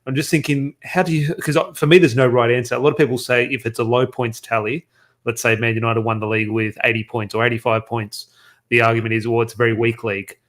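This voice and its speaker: An Englishman talking football on a podcast at a quick clip. He rambles and restarts his sentences a lot, with the easy tone of a casual chat between mates. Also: mid-range voice, flat delivery, fairly bright tone. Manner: rambling, stumbles and restarts often. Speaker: podcast co-host.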